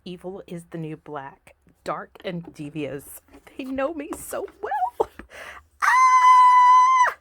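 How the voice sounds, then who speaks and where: A woman vlogger chatting casually through an unboxing in her home office, gushing and excitable, with lots of "um"s. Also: lowish voice, slow pace, very noisy. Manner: gushing and excitable, many fillers.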